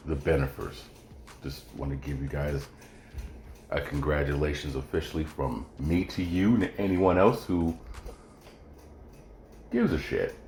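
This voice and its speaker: A man's voice: rumbling low, slight background noise. A man hosting his own podcast, chatting casually and jokingly straight to his listeners. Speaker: podcast host. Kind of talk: casual solo podcast chat. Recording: echoey room with faint music.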